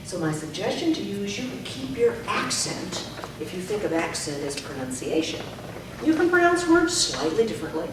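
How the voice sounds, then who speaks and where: A woman's voice: mid-range voice, sing-song, moderate pace. A woman leading a speaking workshop as a speech coach, stretching out syllables when she demonstrates. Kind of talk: teaching a workshop. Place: club meeting room. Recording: echoey room, far from the mic, noisy.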